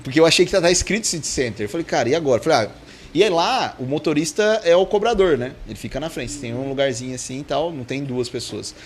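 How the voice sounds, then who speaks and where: A man's voice: a little high, lively intonation, fast talker, slight background noise. A man with a Brazilian Portuguese accent, a podcast guest telling casual stories, acting out the dialogue and laughing often. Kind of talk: casual storytelling in a podcast interview.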